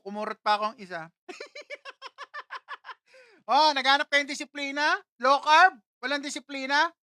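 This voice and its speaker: A man's voice: extremely high pitch, sharp tone, clean tone, no echo, studio quality. A young Filipino man casually chatting on a livestream, reading out viewer comments and laughing often. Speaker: livestream host.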